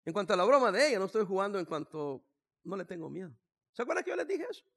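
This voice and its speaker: A sixty-year-old pastor delivers a sermon in a high voice with a gravelly rasp. He tells stories with humor, drops to quiet asides, then rises to shouted declarations. His gravelly voice stays high-pitched even when he speaks softly. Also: fast. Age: 60s.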